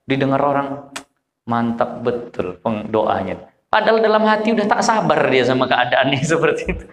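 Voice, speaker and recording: A male preacher with a Medan Malay accent, giving an informal religious lecture at a village gathering, telling stories with lively voices. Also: moderate pace. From Medan, Indonesia. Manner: animated storyteller, acts out prayers in low voices. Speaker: Islamic preacher. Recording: echoey hall with long reverb.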